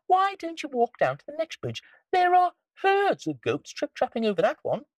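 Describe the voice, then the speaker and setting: Woman putting on a tiny anxious critter, very high squeaky voice, pleading, lively. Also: normal speed, dry recording. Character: small anxious furry animals, mouse and rabbit.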